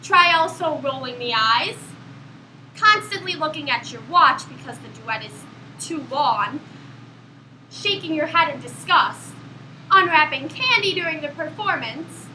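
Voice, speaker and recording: A woman performing a comedy skit, narrating mock instructions with a brisk delivery. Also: sits high, lively intonation, sharp tone, slight background noise, low-quality recording. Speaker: student performer.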